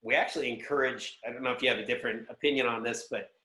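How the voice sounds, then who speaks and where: A sales executive and consultant, appearing as an interview guest, gives practical, conversational business advice. His medium-pitched voice races along, pushed and bright with fairly even intonation, picked up in a roomy, echoing recording.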